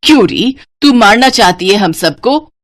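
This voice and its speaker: A woman's voice: expressive, measured pace, no room sound, lightly acted. A woman voicing a stern middle-aged mother-in-law who scolds her daughter-in-law. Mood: scolding. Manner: scolding, low and heavy.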